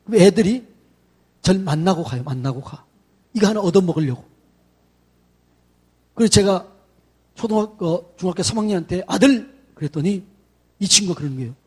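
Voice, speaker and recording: A middle-aged man, a senior pastor, gives a chatty, lively sermon to church staff and acts out greetings in quoted voices. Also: high-pitched, fairly quick, long pauses, slightly rough. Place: church sanctuary.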